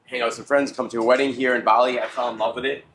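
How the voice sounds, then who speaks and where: A middle-aged American man, a chef, explaining his cooking in a casual, halting conversational way. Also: medium pitch, little pitch movement, a bit bright, a little hiss or hum. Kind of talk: casual cooking demonstration and chat. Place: restaurant kitchen. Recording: echoey kitchen room sound.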